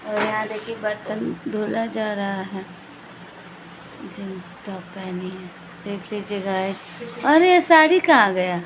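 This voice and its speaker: A woman's voice: mid-range voice, slow pace. A woman vlogging at home while she cooks, chatting to her viewers and calling them guys. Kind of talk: casual cooking vlog. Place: home kitchen, indoors. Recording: echoey kitchen with background noise.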